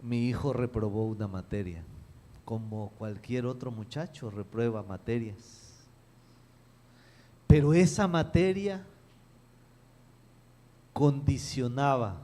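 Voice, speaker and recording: A middle-aged man, a pastor telling a story in a sermon with emphatic pauses and acted quotes. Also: medium pitch, mellow.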